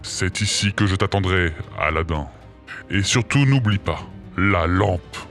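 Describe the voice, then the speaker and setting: A scheming old vizier, played by a man, low-voiced and menacing. He talks slowly and deliberately in a storybook tale, with faint music behind. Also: lively intonation, fairly bright tone, full character voice. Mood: scheming, ominous. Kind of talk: animated storybook character acting.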